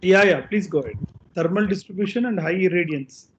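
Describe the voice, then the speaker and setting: A man's voice: high-pitched, brisk, a little hiss or hum. A man moderating an online session who gives brief prompts, heard through a screen recording of the call. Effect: heard through a screen-recorded video call. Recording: dull, distant video-call audio.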